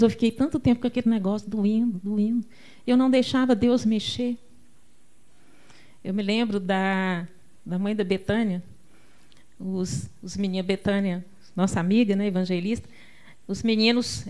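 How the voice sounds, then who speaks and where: A woman preacher with a Brazilian Portuguese accent gives an emphatic sermon, calling out to the congregation and telling homely stories. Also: on the high side.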